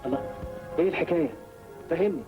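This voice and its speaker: Man acting charming Egyptian film star, rapid talker, slightly high voice, dull old film sound with music. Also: close to an everyday voice. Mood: teasing. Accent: Egyptian Arabic. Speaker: film actor character.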